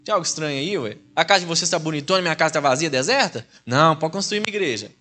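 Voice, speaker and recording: A man's voice: fairly high pitch, animated, bright, forceful tone. A man with a Mineiro Brazilian accent voicing God as he scolds his people in a plain, folksy way during a sermon. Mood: chiding. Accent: Mineiro Brazilian Portuguese. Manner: quick, chiding, folksy.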